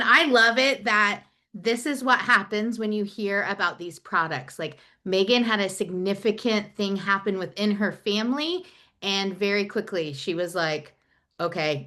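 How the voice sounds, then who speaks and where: A woman with a bright, forceful voice presents live over a video call through her computer mic. She talks fast and excitedly, in a chatty flow with a Midwestern accent. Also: mid-range voice. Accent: Nebraska.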